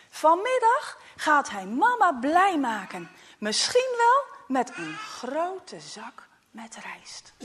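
A woman narrating a children's story softly, often dropping to a hush and then lifting with expression. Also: mid-range voice, slightly rough, in a large hall. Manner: soft, often hushed to a whisper, expressive.

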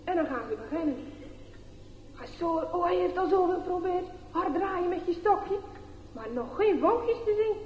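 A woman reading a children's story aloud in an expressive, animated way. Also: very high-pitched, moderate pace, a little hiss or hum. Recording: echoey, dull lo-fi room recording.

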